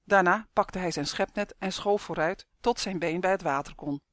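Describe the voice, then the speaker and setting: An audiobook narrator reading a story in a calm, even storytelling manner. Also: mid-range voice, moderate pace, dry recording, studio quality.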